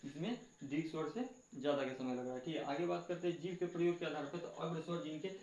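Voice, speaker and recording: A man's voice: a little high, fast, darkish tone. A man teaching a grammar lesson, asking the class questions and answering them himself, going back over each point. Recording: echoey room, dull lo-fi sound.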